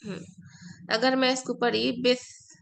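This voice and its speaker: A woman's voice: fairly high pitch, little pitch movement, slow, creaky. A woman teaching an Arabic class, explaining patiently, repeating key words and slipping into English phrases; her first language is Urdu. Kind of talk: online class lecture.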